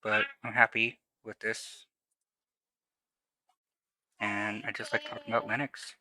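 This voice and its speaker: A man's voice: fairly low pitch, little pitch movement, a little slow, sharp tone, rough recording. A man with a lisp streaming from home, talking casually and rambling about his tech setup, swearing now and then. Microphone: new desk microphone. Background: faint music.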